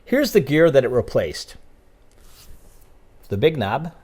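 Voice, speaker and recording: Middle-aged male podcast host; animated, rambling, laughs a lot. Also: medium pitch, slow pace, slightly rough. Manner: chatty, rambling, laughs often. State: out of breath. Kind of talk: casual chat.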